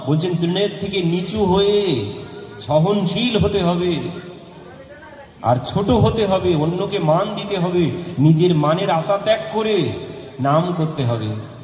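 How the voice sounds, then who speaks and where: A man preaches a devotional sermon, posing rhetorical questions and repeating key phrases. His voice sits high and moves at an unhurried pace. It rings with long reverb across a large hall over a faint ambient hum. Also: darkish tone. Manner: repeats lines for emphasis, asks rhetorical questions. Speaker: Bhagavata preacher. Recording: echoey hall with faint background noise.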